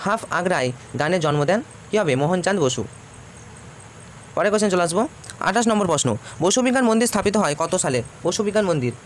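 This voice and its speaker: A man's voice: high-pitched, a little hiss or hum. A man, teaching by reading out exam questions and repeating each answer.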